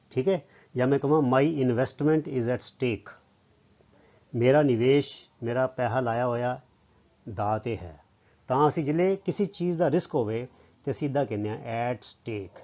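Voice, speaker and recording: A man's voice: medium pitch, a little mellow. A man with a Punjabi accent, a teacher explaining a lesson to children word by word and asking them questions, on a slightly dull lo-fi recording.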